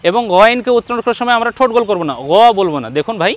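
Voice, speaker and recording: High-voiced patient Bengali male teacher. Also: a bit bright, clear, resonant tone, no echo. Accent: Bangladeshi Bengali. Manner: patient, encouraging, repeats each letter slowly. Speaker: Quran teacher. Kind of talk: online lesson on letter pronunciation.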